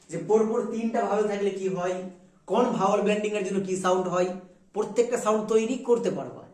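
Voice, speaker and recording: A man's voice: high voice, darkish tone. A man teaching English pronunciation to a class, drilling his students with repeated questions. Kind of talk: classroom lesson. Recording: echoey room from far off.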